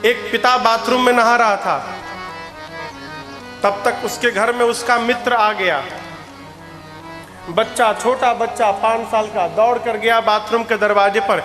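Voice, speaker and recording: A preacher delivers a devotional story, voicing each figure's words in turn and sometimes singing a line. His voice sits high and moves at an unhurried pace. The hall rings with echo, and instruments play clearly underneath. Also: steady tone, over music. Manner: storytelling with quoted dialogue and sung lines. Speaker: katha preacher. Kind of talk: sermon storytelling. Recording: echoey hall with instrument backing.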